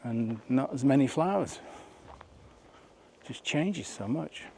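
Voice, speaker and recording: A man's voice: medium pitch, expressive, slow pace, vocal fry, mellow, slight background noise. A man narrating a walking vlog outdoors on a rural nature trail, chatty and rambling, asking viewers questions as he goes. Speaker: vlogger.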